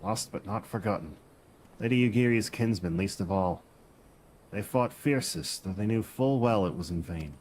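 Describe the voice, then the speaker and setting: A man's voice: on the low side, normal speed, a little mellow, slight background noise, lightly acted. A man reading a solemn refugee elder's game dialogue aloud, with a slight pirate-like lilt.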